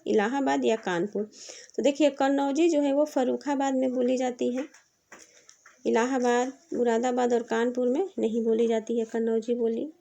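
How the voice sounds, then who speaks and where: Woman teacher doing exam prep, high voice but mellow, reads every question twice then goes over it patiently. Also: vocal fry.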